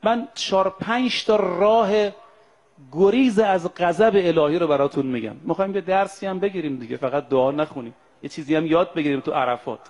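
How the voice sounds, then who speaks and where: A male preacher giving a sermon to pilgrims, slowing to chant Arabic quotations and then explaining them in plain speech while addressing the brothers and sisters before him. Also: fairly high pitch, a little mellow.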